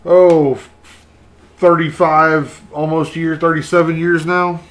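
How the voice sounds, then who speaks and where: A man's voice: a little high, little pitch movement, slow pace. A middle-aged man hosting a casual livestream, talking bluntly and rambling about making art. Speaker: livestream host, artist.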